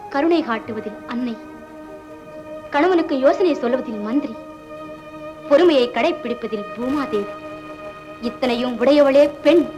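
A woman acting out a dignified sister-in-law who advises in calm, formal sentences. Her voice is high, with music clearly playing behind her. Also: natural voice, poor audio. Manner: measured, formal admonishing. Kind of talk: 1950s Tamil film acting.

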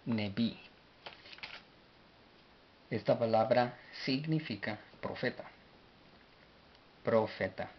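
A man teaching a language lesson, slowly spelling words out letter by letter. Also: mid-range voice. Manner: slow and deliberate, spells letter by letter. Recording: dull lo-fi recording with faint hiss.

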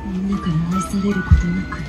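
A woman's voice: medium pitch, flat delivery, fast, close to an everyday voice. A woman playing a sorrowful, confessing mother in scripted horror attraction narration. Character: sorrowful mother confessing about her lost daughter. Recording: music behind, played back in attraction.

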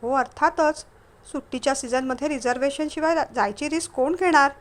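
A woman's voice: high voice, a little fast, natural voice. A woman voicing a witty, composed young woman traveler in a read-aloud story, with a light, teasing, polite manner.

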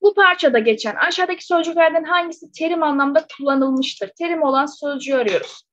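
High-voiced woman teacher solving exam questions. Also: fast, a bit bright, dry recording. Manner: explains step by step, asks rhetorical checking questions. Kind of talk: exam question walkthrough lesson. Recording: slightly dull, dry close recording.

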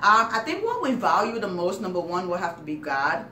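A woman's voice: on the low side, very animated, a little fast, sharp tone, reverberant, recorded from a distance, a little hiss or hum. A young woman from Sierra Leone chatting casually to her viewers as a vlogger, laughing often and filling her talk with fillers. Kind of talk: casual chat.

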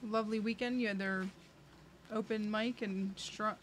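A woman co-hosting a casual family chat on a music store show, asking quick, teasing questions. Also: mid-range voice, steady tone, a little hiss or hum. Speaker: co-host, mother of a child co-host.

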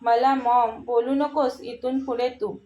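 A woman's voice: a little high, flat delivery, takes it slowly, mellow, roomy sound, dull audio, a little hiss or hum. A woman voicing a hurt, angry middle-aged mother scolding her daughter. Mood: bitter. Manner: reproachful.

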